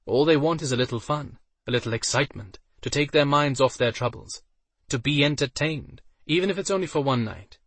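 A man voicing an easygoing, cynical young nobleman who talks in a relaxed, worldly way. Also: medium pitch, a little fast, breathy edge, dry recording, voice pushed up.

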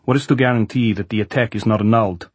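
Man acting stern, exasperated Soviet general, husky. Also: fairly low pitch, a little fast, no echo. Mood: angry, bitter. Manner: emphatic, stern military officer. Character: scarred, brusque, exasperated Soviet general briefing a subordinate. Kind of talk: audiobook character voice.

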